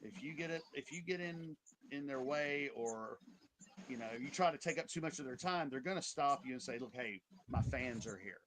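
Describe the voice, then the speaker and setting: A man's voice: on the high side, moderate pace. A man casually telling rambling anecdotes as an interview guest. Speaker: event photographer, interview guest. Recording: clearly noisy background with clicks.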